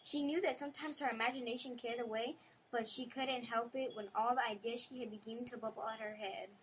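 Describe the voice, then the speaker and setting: High-voiced woman reading a children's story. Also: steady tone, brisk, slight background noise, rough recording. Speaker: audiobook narrator. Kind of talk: scripted children's storybook narration.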